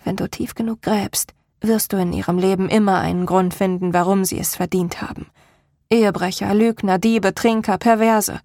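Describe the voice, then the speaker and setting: A woman reading the part of a haunted, determined young woman in measured, weary tones. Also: mid-range voice, fairly even intonation, a little mellow, no room sound, clean studio sound, close to an everyday voice. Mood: grim. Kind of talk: audiobook character reading.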